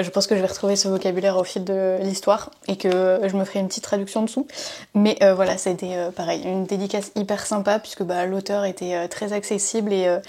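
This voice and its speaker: Late-20s French woman, bookseller and book vlogger, mellow and relaxed, chatty with fillers, mid pitch. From France. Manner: chatty, many fillers, reads quotes aloud. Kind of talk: casual book haul vlog.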